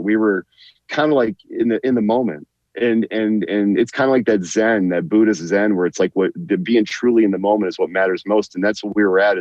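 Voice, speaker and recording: A man's voice: on the low side, a little mellow, no room sound. A man who is a guest on a talk show, telling a long personal story and often repeating and restarting his words. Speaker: guest, veteran author. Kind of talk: storytelling in an interview. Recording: muffled dry lo-fi line.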